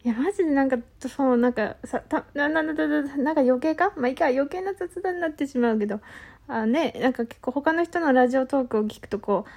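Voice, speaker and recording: A young woman with a high voice hosts a casual solo audio talk. She is excitable and flustered, keeps apologizing, and laughs at herself. Her speech is blunt and boyish. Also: quick pace. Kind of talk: casual solo chat, reading a listener letter.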